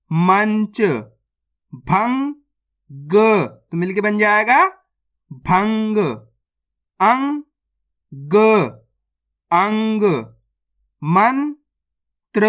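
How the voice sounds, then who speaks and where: A reading teacher who sounds out words syllable by syllable, then says each whole, and checks with viewers that it is clear. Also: medium pitch, a bit bright. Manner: addresses viewers as friends, asks if it is clear. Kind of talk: slow word-by-word reading lesson.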